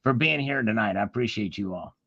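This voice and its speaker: A man appearing as a guest on a casual livestream, who pauses and stumbles while he searches for words. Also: lowish voice, expressive, gravelly, bright, forceful tone, breathy edge, no room sound, dull audio. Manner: hesitant, stops to search for words. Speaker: guest YouTuber.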